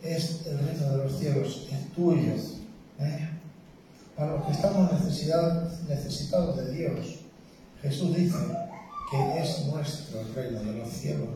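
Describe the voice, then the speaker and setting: A man preaching a sermon with a Spain Spanish accent, earnest and emphatic, swinging between loud declarations and hushed words. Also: fairly high pitch, unhurried, background noise. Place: church. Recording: very roomy church hall from a distance.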